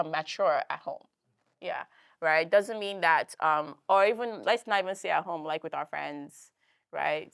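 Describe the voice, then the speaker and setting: A woman's voice: on the low side, a bit bright, no room sound, studio quality. A young woman giving a casual church workshop talk, chatty, full of fillers and tag questions. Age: young adult.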